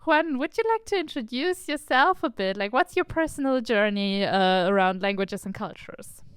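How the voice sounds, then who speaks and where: A female co-host in a casual conversation, telling things in a quick, friendly way. Her voice sits on the higher side, smooth and clear, recorded close and dry. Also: animated, dry recording. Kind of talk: casual podcast chat.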